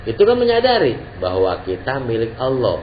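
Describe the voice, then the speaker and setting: A man's voice: medium pitch, moderate pace. Man preaching in casual slang, dull recording, faint hiss. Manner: casual Jakarta-slang preaching, lively and joking. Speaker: Islamic teacher. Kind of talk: informal religious lesson. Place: religious gathering hall.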